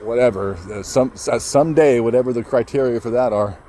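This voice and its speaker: A man telling a painful personal story in a halting, emotional way, cursing casually and restarting his sentences as he goes. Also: medium pitch, mellow, a little hiss or hum, rough recording. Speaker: motivational speaker.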